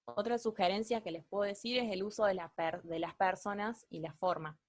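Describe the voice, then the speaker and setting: A woman's voice: mid-range voice, a little fast, no room sound. A young woman with an Argentine Spanish accent, leading a writing workshop, explaining hesitantly and correcting herself as she goes.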